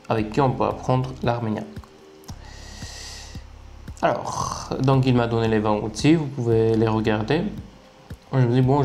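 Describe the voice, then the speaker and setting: Warm and medium in pitch, this man's voice carries a relaxed screen-recording commentary. He's a language-learning video creator who clicks through his screen chattily, amused and musing aloud as he goes.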